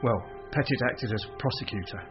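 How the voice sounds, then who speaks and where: In a radio drama, an actor plays a touchy, tough young British undercover special branch man. His voice is on the low side and a little fast, lightly acted with a matter-of-fact mood. The recording is muffled, with music behind him.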